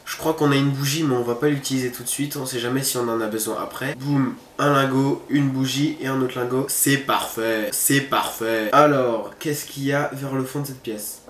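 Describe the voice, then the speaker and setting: A man's voice: mid-range voice, steady tone, fairly quick, hardly any pauses, fairly bright tone. A man giving casual let's-play commentary, thinking aloud and chatting informally to his viewers. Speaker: gamer hosting a horror game video. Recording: roomy echo, faint background noise.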